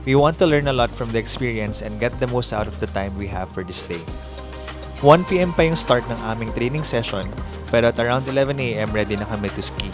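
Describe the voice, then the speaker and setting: A man's voice: mid-range voice, fast talker. Filipino man narrating a travel vlog. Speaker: travel vlogger. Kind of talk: scripted voice-over narration mixing Tagalog and English. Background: music bed.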